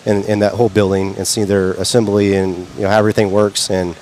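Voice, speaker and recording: A man's voice: fairly low pitch, little pitch movement, fast talker, darkish tone, slight background noise. A man from Kansas City chatting as a guest at a race event, rambling and repeating words. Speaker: guest, product maker. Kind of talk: casual interview chat.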